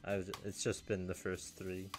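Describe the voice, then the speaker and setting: A young man chatting casually to camera in a deadpan, rambling way, often restarting his sentences. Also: low voice, unhurried, music in the background. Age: young adult. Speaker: video creator. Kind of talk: casual solo chat.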